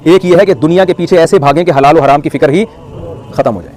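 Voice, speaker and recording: Fast-talking animated man preaching. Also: fairly high pitch. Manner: animated, joking, asks the audience questions. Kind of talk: sermon.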